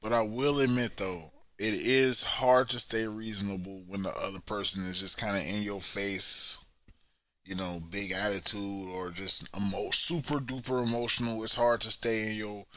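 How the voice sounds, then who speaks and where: A man's voice: fairly low pitch, steady tone, normal speed, bright, forceful tone, dry recording. A man hosting a podcast, giving relationship advice in a coaching way and checking in with the listener. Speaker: podcast host.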